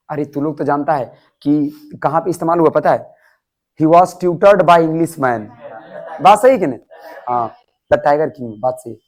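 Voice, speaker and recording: Young male classroom teacher, high-pitched, animated lecturing with constant questions to students. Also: rough recording. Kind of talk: classroom lecture explaining an English story.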